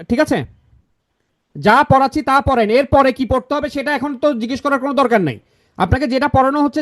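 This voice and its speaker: A young man teaches an online grammar class for exam prep. His voice sits very high, and the sound is dry and close, with no room echo. He repeats key answers several times and keeps asking the class questions.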